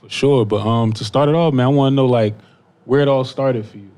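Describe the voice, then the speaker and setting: A man hosting a casual podcast, asking questions in a relaxed way with plenty of encouraging "mm-hmm"s. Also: medium pitch, brisk. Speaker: podcast host. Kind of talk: casual interview chat.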